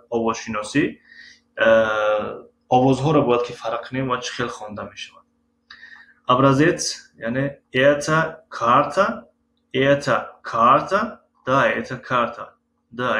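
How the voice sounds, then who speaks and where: A man with a Tajik accent teaching a Russian lesson, reading example words slowly and pausing often with filler sounds. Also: mid-range voice, gravelly, fairly bright tone. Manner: slow, syllable-by-syllable read-aloud of example words; halting, with frequent filler sounds. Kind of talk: recorded language lesson. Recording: roomy echo with faint ambient noise.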